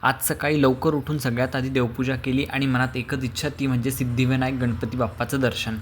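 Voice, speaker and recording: Calm, flat-voiced man narrating a temple vlog. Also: medium pitch, a little fast, a little hiss or hum. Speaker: vlogger.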